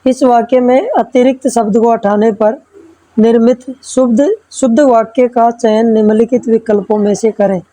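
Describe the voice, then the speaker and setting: A woman's voice: a little high, steady tone, normal speed, dark tone, no echo, rough recording. Methodical woman teacher walking through exam questions. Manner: reads each question then explains answer step by step; checks in with frequent tag questions. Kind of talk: exam-prep lesson.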